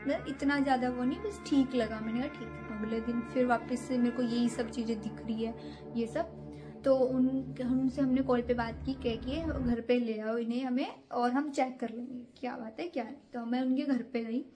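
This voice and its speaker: A woman's voice: fairly high pitch, steady tone, moderate pace, music in the background. A young woman vlogger chatting casually to camera, rambling through a scary story from her own nights.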